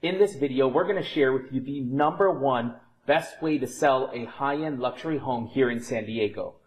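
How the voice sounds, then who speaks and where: A man in his thirties, a real estate agent, giving an upbeat, persuasive scripted sales pitch to the camera in a bright home. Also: normal speed, low-quality recording. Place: bright home interior, indoors.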